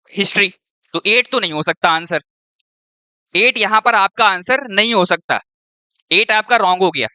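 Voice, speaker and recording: A man's voice: high voice, pushed and bright, clear, resonant tone, dry recording. A male teacher talking through an exam-prep lesson step by step. He keeps checking in with the students as he goes. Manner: checks in with students often and keeps saying "your".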